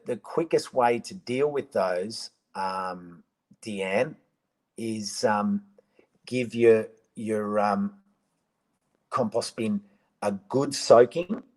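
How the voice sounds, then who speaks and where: A man talks in a fairly low voice, speaking casually into a live-stream microphone. He rambles and restarts often, with plenty of ums as he answers viewers one by one. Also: a little mellow, rough recording. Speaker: gardening presenter answering viewer questions.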